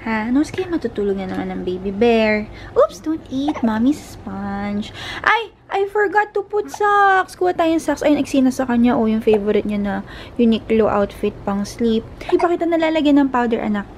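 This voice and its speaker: Chatty Filipino mom vlogging at home. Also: female voice, fairly high pitch, very animated, moderate pace, a little hiss or hum. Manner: chatty, mixes English into Filipino, sing-song baby talk to her child. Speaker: vlogger and mother. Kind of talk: casual home vlog, talking to camera and to her toddler.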